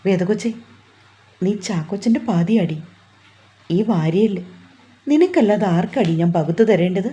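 A woman's voice: medium pitch, animated, measured pace, pauses often, dark tone, natural voice. Woman reading a teasing, bossy young fiancé. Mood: reassuring. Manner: teasing, coaxing, commanding.

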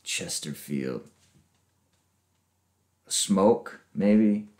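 Guy doing a reaction vid, deep voice, kinda slow, laughs a lot, roomy echo. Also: lively intonation, darkish tone. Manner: laughs often, unsure guesses aloud. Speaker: reaction video host. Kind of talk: casual reaction commentary.

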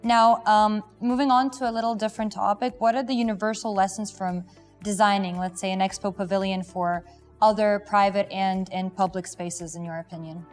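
A woman's voice: mid-range voice, fairly even intonation, normal speed, soft background music. A woman in her twenties interviewing a guest, asking upbeat, complimentary questions on a lapel mic inside an exhibition pavilion.

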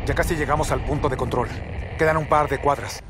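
A man's voice: a little high, steady tone, fairly quick, noisy background, close to an everyday voice. A man playing a tense, exasperated special operative in a military game, urgent and gritty. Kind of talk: military shooter game acting.

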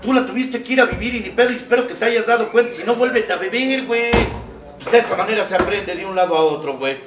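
Mexican man shouting testimony in echoey hall. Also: quick pace, music in the background. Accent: Mexican Spanish. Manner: swears heavily, swings from low confiding to shouting. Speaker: recovery group speaker. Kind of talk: impassioned testimony at a recovery meeting. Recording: echoey room, far from the mic.

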